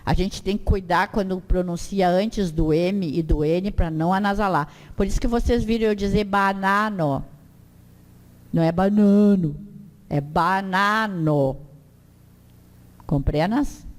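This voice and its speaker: A woman teaching an Esperanto class, slowly drilling pronunciation for her students to repeat in a classroom. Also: fairly low pitch, warm tone. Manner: slow, drawn-out drilling of words for learners to repeat. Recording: long hall reverb.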